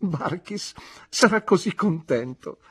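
A high, tender old nursemaid in an audiobook, as a woman reader puts her on. Her lively, rising voice is a little husky. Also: slow, exaggerated voice. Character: warm old female nurse, emotional, homely.

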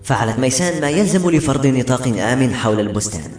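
A man reading a fantasy novel aloud, brisk and dramatic, with a mid-range voice. The recording sounds roomy and echoey. Faint music plays underneath. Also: medium pitch, animated, a little mellow. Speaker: audiobook narrator. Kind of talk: scripted narration.

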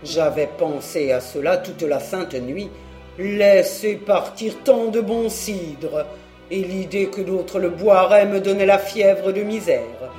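A reader voicing a gruff, swearing old country squire in an audiobook, speaking loud and boastful. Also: medium pitch, animated, takes it slowly, faint music behind. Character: blustering old Breton country squire, the uncle. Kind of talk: audiobook character voice.

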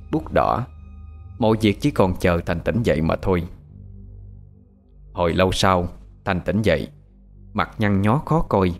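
A man narrating a ghost story in a measured, dramatic way. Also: lowish voice.

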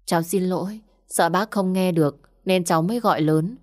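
A woman's voice: on the low side, fairly quick, a little mellow, dry recording, studio quality, close to an everyday voice. A woman voicing a poor young village girl who speaks politely and pleads. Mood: pleading.

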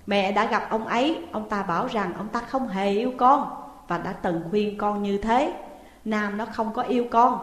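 A woman's voice: medium pitch, normal speed, natural voice. A woman voicing a stern, protective mother. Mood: firm. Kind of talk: audiobook reading. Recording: echoey room with long reverb.

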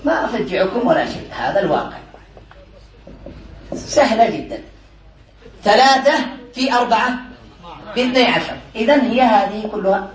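High-pitched male teacher lecturing a class, drilling students with questions, recorded in a reverberant room. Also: lively intonation, normal speed, pauses often, far from the mic. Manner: quizzes students, repeats answers, chuckles often. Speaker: teacher, sheikh. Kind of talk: classroom lesson. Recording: echoey room.

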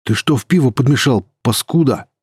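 Man playing a foul-mouthed thug poacher, raised and brash, husky. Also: mid-range voice, a little fast, no echo, studio quality, pitched above the performer's own voice. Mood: aggressive. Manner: loud, coarse, swearing. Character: crude brutal young male poacher, leader.

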